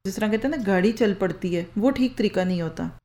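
In a lecture hall where rows of people are listening, a woman talks briskly about speaking skills through a handheld or stand microphone. Her voice is mid-range with a dark tone, and she raises rhetorical questions only to answer them herself.

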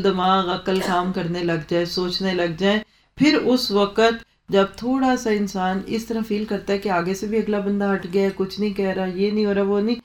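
A woman's voice: mid-range voice, darkish tone. A woman giving a parenting talk, explaining with homely examples and mixing in English phrases. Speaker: parenting speaker.

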